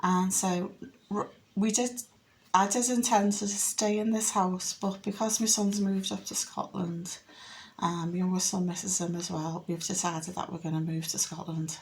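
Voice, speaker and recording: A woman in her fifties with a Liverpool accent, a home renovation vlogger, rambles casually and matter-of-factly while giving a house tour indoors. Her lowish voice is fairly even, unhurried and a little mellow. The audio is poor, with slight background noise.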